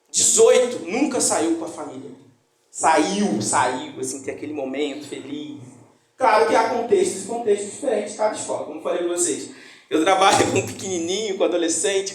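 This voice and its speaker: A man with a Brazilian Portuguese accent preaching a conversational sermon, animated and acting out the voices he quotes. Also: high voice. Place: church hall. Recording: echoey church hall.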